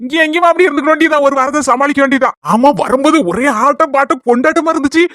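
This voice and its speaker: Brief: a man voicing a playful cartoon husband, Kanyakumari Tamil accent, very high and fast. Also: fairly even intonation, bright, forceful tone, dry recording, clean studio sound. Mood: teasing. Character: young husband, teasing and caring. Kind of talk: cartoon voice acting.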